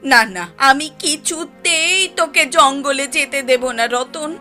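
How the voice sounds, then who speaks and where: A woman's voice: high-pitched, unhurried, pushed and bright, faint music behind. A woman voicing a worried cartoon mother. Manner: pleading, anxious. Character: worried mother and frightened young daughter.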